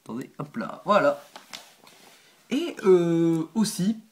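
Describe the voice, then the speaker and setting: A man's voice: fairly high pitch, big pitch swings, slow pace, breathy edge. Chatty hesitant man showing his models. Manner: hesitant and chatty, frequent 'euh', 'hop' and 'voilà' while handling pieces; self-deprecating asides and apologies. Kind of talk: casual show-and-tell vlog.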